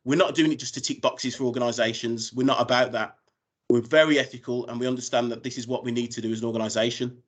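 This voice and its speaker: A man's voice: medium pitch, steady tone, fast. A British man giving an informal business presentation as a recruiter on a video call. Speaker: recruiter presenting job opportunities.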